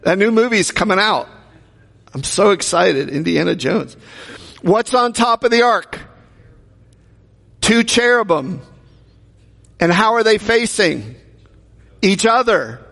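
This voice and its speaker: Long hall reverb surrounds this recording of a pastor whose high, creaky voice has a fairly bright tone. He preaches in a conversational style, asking the congregation rhetorical questions.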